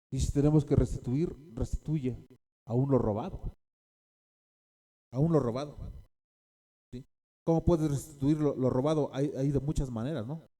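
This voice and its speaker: Dark-voiced pastor preaching. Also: male voice, medium pitch, a little slow, pauses often. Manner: repeats key phrases, checks in with the congregation. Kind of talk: sermon.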